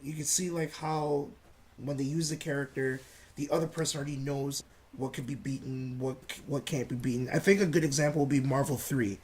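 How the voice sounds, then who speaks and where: A man's voice: medium pitch, steady tone, fairly quick, a little mellow. A man co-hosting a casual podcast, rambling with lots of filler words. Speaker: podcast co-host. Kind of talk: casual gaming chat.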